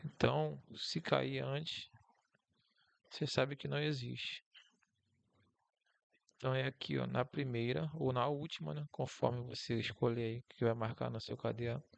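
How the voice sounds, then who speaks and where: A man's voice: medium pitch, steady tone, a little slow, gravelly, long pauses. A Brazilian man with a Brazilian Portuguese accent giving a casual, encouraging online lesson as a teacher, talking through slides.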